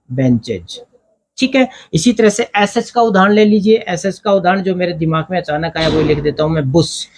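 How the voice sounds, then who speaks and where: A man with an Indian accent teaching English grammar at a board, asking questions and answering them himself, step by step. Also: high voice. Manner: explains step by step, asks and answers his own questions. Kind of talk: blackboard grammar lesson.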